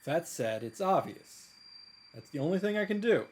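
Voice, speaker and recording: In a fairly high, sing-song voice at normal speed, a man reads a visual novel's first-person narration aloud, earnest and dramatic, commenting as he goes. Game music sits in the background.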